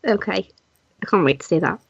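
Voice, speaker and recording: A woman co-hosting a podcast, chatting in a relaxed and candid way. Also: fairly low pitch, fairly quick, creaky, husky, no room sound. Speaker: podcast co-host. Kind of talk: casual chat. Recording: dull lo-fi podcast mic.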